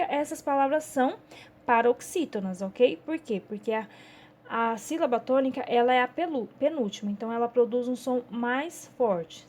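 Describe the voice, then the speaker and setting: A woman's voice: high-pitched, darkish tone. A woman teacher with a Brazilian Portuguese accent, patiently going through a children's workbook step by step and checking in often with her class.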